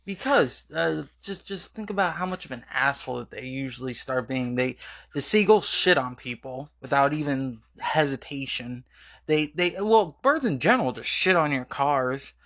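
A man's voice: mid-range voice, expressive, normal speed, a bit bright. A young man in casual chat with his girlfriend, answering her questions in a rambling, profane way with restarts and repeated words.

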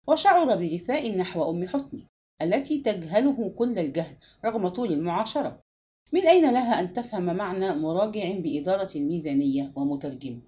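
A woman reading a novel aloud as narrator, giving the characters' dialogue expressive voices. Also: mid-range voice. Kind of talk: scripted audiobook narration.

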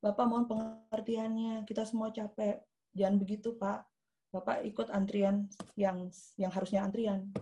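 A woman acting out a polite, firm adult who calmly asks a queue-jumper to wait his turn. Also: medium pitch, normal speed, faint music behind, natural voice. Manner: calm, courteous, steady.

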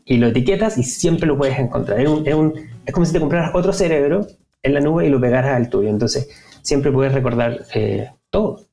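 Mellow-voiced Chilean man, chatty guest. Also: mid-range voice, fairly quick, gravelly, faint music behind. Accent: Chilean Spanish. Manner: relaxed, chatty, frequent fillers and restarts. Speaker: podcast guest. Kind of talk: casual interview chat.

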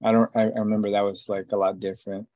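A man's voice: on the low side, level tone, quick pace, no room sound, dull audio. A man in his forties from Israel, a tattoo artist, talking casually in an interview and rambling with many fillers and restarts. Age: 40s.

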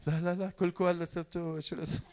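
Fast, high-voiced fervent Levantine pastor. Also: male voice. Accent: Levantine Arabic. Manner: animated, fervent, addresses the flock warmly. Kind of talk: sermon. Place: church pulpit.

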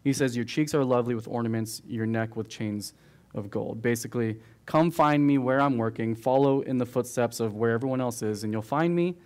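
A man, a pastor, reading scripture and explaining it in a relaxed, conversational way, often asking "right?". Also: medium pitch, brisk. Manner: conversational, with fillers and frequent "right?". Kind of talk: verse-by-verse Bible teaching.

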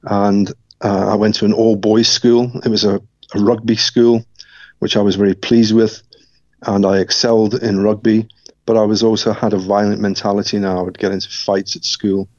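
A middle-aged man from Scotland, speaking as an interview guest and telling his life story in a reflective, measured way with frequent restarts. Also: fairly low pitch, level tone, darkish tone, no echo, highs cut off.

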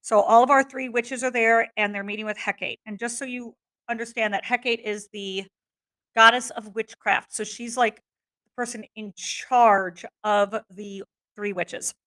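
A woman's voice: a little high, steady tone, moderate pace, fairly bright tone. A woman teacher reading a play aloud to her class and walking through it line by line in a casual way, with fillers.

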